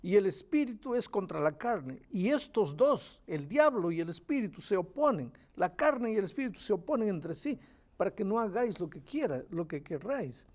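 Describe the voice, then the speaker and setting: A man explaining scripture in a recorded Bible study. His voice sits fairly high for a man but sounds mellow and dark. He leans on repetition to drive points home. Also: very animated, normal speed. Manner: emphatic, repeats phrases for stress, reads verses aloud. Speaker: Bible teacher. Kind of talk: Bible study answering questions.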